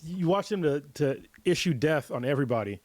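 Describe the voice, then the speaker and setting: A man's voice: on the high side, animated, fairly quick, a little mellow, dry recording. A man hosting a podcast, rambling casually and laughing often, slightly under the weather. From California. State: getting over being a little sick. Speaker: podcast host. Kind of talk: casual chat.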